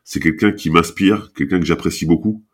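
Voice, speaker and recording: Speaking brisk and low, a man who founded a basketball camp guests on a podcast in a relaxed interview. He has a head cold, talks a lot, and wanders off while restarting his sentences.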